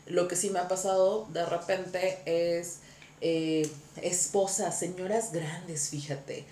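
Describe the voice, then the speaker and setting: A woman hosting a podcast, telling a story in a lively, casual way with frequent laughter. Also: fairly low pitch, slow, roomy sound, a little hiss or hum. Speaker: podcast host.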